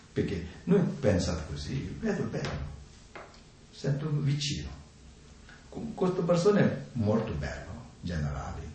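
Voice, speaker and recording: A man giving an informal talk on the mind, speaking in halting, simple phrases and often checking in with a questioning "no?" after his points. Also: sits low, dark tone. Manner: halting, simple non-native grammar, keeps adding "no?". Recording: echoey room, distant mic, faint noise.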